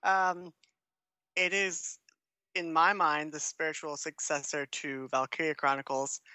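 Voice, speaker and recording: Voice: medium pitch, level tone, measured pace, bright, forceful tone, dry recording. A podcast co-host in a casual gaming chat, thoughtful and hedging with fillers.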